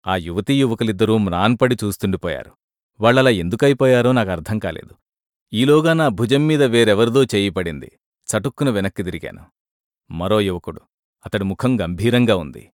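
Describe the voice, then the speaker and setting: A man reading a short story aloud as narrator, in a steady, measured storytelling manner. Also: fairly low pitch, no room sound, clean studio sound.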